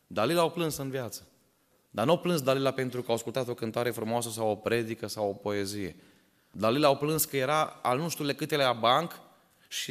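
A man with a mid-range voice preaches a sermon to his congregation in a church hall, and the sound is big and roomy. He asks many rhetorical questions and tells stories, voicing the characters in them.

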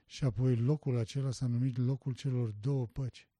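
A man preaching a sermon, emphatic, asking rhetorical questions and rising to loud passionate stress. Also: mid-range voice, level tone, no room sound.

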